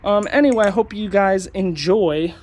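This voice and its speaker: A man's voice: sits high, moderate pace, a little hiss or hum. A young man hosting his own channel, ranting casually with sarcasm and lots of ums and uhs. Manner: ranting, sarcastic, many fillers. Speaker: channel host. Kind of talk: casual commentary vlog.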